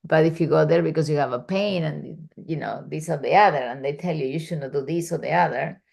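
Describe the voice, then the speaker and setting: A woman's voice: deep voice, a little fast, vocal fry, darkish tone, husky. A woman leading a study group, explaining a scripture passage conversationally with everyday examples on a video call. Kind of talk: casual teaching explanation.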